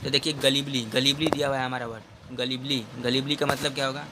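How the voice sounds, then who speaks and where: Bright-voiced young male exam tutor. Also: mid-range voice, flat delivery, a little hiss or hum. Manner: explains slowly, repeats questions, addresses viewers as friends; reads English question lines slowly, then explains in Hindi. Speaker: English tutor for exam preparation. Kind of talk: exam-prep lesson.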